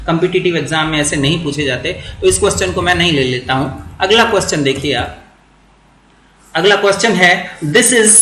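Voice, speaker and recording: A man teaching English grammar for exam prep, repeating words slowly to drill pronunciation. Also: sits high, pushed and bright, echoey room, poor audio.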